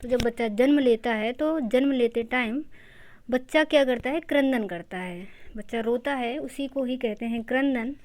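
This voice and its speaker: A woman's voice: fairly high pitch, normal speed, darkish tone. A woman teacher giving an exam-prep lecture, explaining step by step, repeating key terms and mixing in English words.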